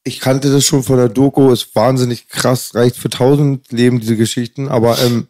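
Male interviewer, warm tone, casual and admiring. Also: medium pitch, fairly even intonation, moderate pace.

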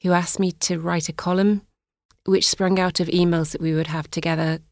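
A woman in her forties from north-west England, a music journalist, is a guest in a reflective studio interview. She speaks thoughtfully, searching for words and restarting, with a low-ish, flat delivery at normal speed. There's no echo.

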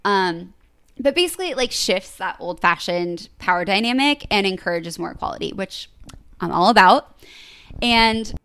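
A woman's voice: medium pitch, animated, normal speed, fairly bright tone, clear, resonant tone, no echo. A young woman co-hosting a podcast, casually retelling a story and filling her speech with "like". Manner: chatty, fills speech with "like".

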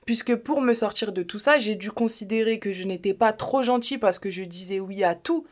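A woman's voice: medium pitch, a little fast. A woman hosting a podcast, talking in a casual, blunt and playful way, directly addressing the listener. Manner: chatty, blunt and playful, slips in joking foreign-accent bits. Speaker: podcast host. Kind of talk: casual self-help podcast monologue.

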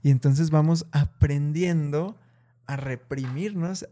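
A man in casual conversation who talks slowly and thoughtfully and raises his voice to act out scolding parents. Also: fairly high pitch, warm tone. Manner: slow and deliberate, many fillers.

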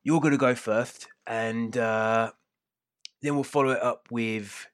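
A man's voice: mid-range voice, steady tone, slow pace, no echo, clean studio sound, close to an everyday voice. A man voicing a battered old retired male pit-fight boss with a lisp and easygoing, breezy patter.

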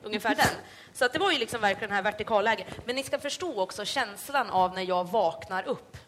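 A woman's voice: medium pitch, fairly bright tone, a little hiss or hum. A young woman from Sweden with a Hälsingland accent, hosting a live podcast and telling a comic story full of fillers. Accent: Hälsingland Swedish. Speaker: podcast host. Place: live event stage.

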